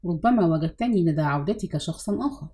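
A woman's voice: fairly low pitch, brisk, mellow, lightly acted. A woman voicing a sulky, curt adult man in an audiobook reading.

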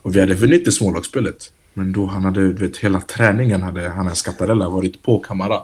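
Husky, deep-voiced young man telling stories. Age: young adult. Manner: relaxed, animated when retelling, heavy "du vet" fillers and street slang. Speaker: youth football player, guest. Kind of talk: casual interview storytelling.

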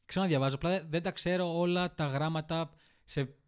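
A man's voice: on the high side, fairly even intonation, smooth. A young man from Albania, a comedian guest chatting casually and joking in a laid-back way. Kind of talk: casual chat.

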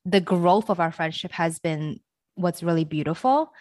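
A young woman hosts a podcast in a casual interview chat, bubbly and chatty, laughing often and rambling through her questions. Her voice is lowish and darkish at a normal speed, and the recording is dry.

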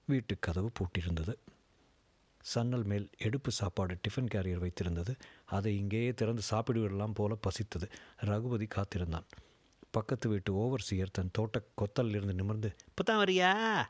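Low-voiced male storyteller, dry sound. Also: warm tone, slightly rough, no room sound. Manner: measured, descriptive. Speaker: narrator. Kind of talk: scripted story reading.

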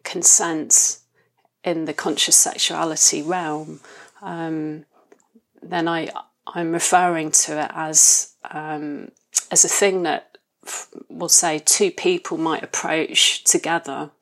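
A woman with a slightly low voice speaks as an interview guest. She is reflective and conversational, often pausing and rephrasing as she thinks her way through what she says. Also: little pitch movement, a bit bright. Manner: thoughtful, hesitant, pausing to reformulate.

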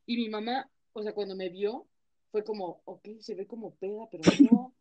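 A young woman with a Mexican accent chats casually as a podcast co-host. She tells her stories in a loose, slangy way, full of fillers and restarts, at an ordinary middle pitch. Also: moderate pace, mellow, highs cut off. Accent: Mexican Spanish. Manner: chatty, slangy storytelling with many fillers. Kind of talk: casual chat.

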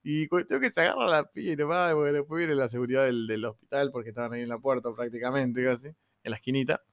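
A man's voice: mid-range voice, fast talker. A young man with a Rioplatense Spanish accent telling funny anecdotes in a casual, slangy way, laughing as he goes. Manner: laughing, slangy, animated retelling with quoted voices. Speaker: storyteller.

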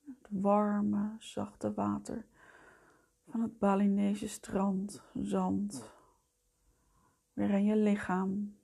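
A woman leading a guided meditation in a soft, breathy voice that often fades towards a whisper, soothing, gentle and unhurried. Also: mid-range voice, monotone. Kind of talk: slow guided meditation narration.

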